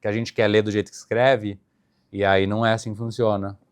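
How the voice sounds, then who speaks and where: A man's voice: on the low side, a little fast, clear, resonant tone. A young Brazilian man, a flight attendant guest, chatting casually and animatedly with frequent laughter. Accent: Brazilian Portuguese. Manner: animated storyteller, laughs often. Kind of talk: casual interview chat.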